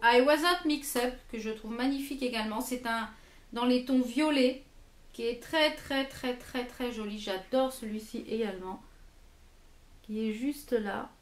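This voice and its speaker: A woman's voice: on the high side, a little slow, roomy sound. A French woman reviewing lipsticks in her own vlog, hesitant and full of fillers and repeated words. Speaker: beauty vlogger. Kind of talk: product review.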